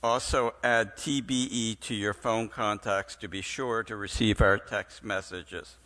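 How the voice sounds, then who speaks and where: A man reads out synagogue announcements, slowly and deliberately. His voice sits a little low but sounds bright. A long reverb from the sanctuary trails each phrase. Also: fairly even intonation. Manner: slow and measured, clearing his throat. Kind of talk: reading announcements. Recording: reverberant hall.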